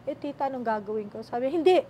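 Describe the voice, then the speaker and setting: Animated high-voiced Filipina storyteller. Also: female voice, fast talker, a little hiss or hum. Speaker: interview guest. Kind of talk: emotional sit-down interview.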